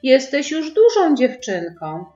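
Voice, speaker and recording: A soft, coaxing young mother, voiced by a woman reading a storybook. She speaks slowly with a lively, sing-song lilt. The recording is roomy, with light music behind it. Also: mid-range voice, dull audio. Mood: gentle. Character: gentle, patient young mother.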